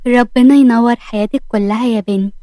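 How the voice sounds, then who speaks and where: A calm, tender father with an Egyptian accent, speaking to his daughter with care, as a woman reads him. The voice is quick and a little high, recorded dry and close. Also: no room sound, close to an everyday voice. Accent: Egyptian Arabic. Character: gentle older father, businessman.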